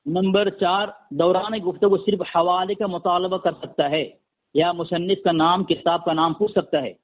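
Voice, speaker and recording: A man's voice: high-pitched, fairly even intonation. A man on a phone call firmly laying out numbered conditions for a religious debate. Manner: insistent, lists numbered conditions formally. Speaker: debater setting terms. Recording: tinny phone line.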